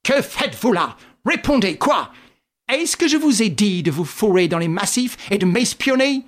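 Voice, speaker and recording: A woman's voice: medium pitch, big pitch swings, unhurried, breathy edge, voice pushed up. A woman doing a brusque, scolding detective. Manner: sharp, clipped scolding. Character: brusque, commanding male detective, quick-tempered. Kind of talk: audiobook character voice.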